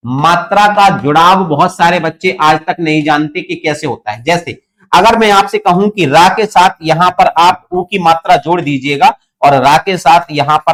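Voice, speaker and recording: Man, young adult, grammar teacher, high voice, repeats key points, asks students questions. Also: fairly bright tone. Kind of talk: online exam-prep lesson.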